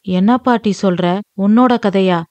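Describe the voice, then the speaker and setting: A woman's voice: medium pitch, unhurried, a little mellow, no room sound, natural voice. A woman reading an audiobook, voicing a shy young woman in love who speaks bashfully.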